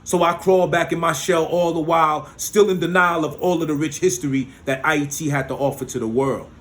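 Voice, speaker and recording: A man from the United States performs spoken word poetry with rhythmic, rhyming delivery and emphatic peaks, adding short spoken asides between pieces. His voice is a little high and a bit bright, steady in tone and a little fast.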